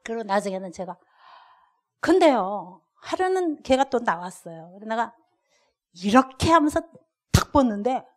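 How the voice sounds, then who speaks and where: An older woman, a guest lecturer, preaching a sermon and telling lively stories with acted-out dialogue. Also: fairly high pitch, moderate pace, long pauses. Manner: animated storyteller acting out dialogue. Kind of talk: sermon with storytelling.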